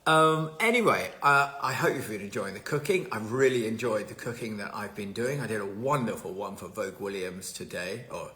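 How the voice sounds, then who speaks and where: A man's voice: lowish voice, lively intonation, fairly quick, few pauses, bright, forceful tone. A man hosting a live stream from home, chatting casually and rambling while greeting viewers by name.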